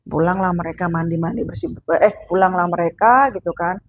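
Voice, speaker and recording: A woman's voice: on the low side, fairly even intonation, brisk, a little hiss or hum. A woman with a Sundanese accent casually telling a horror story, chatty and addressing the listener directly as she goes.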